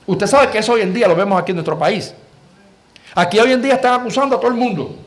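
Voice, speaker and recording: A man's voice: high-pitched, quick pace. A man preaching a sermon, telling a story with emphatic, repetitive lines and rhetorical questions. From Puerto Rico. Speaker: pastor.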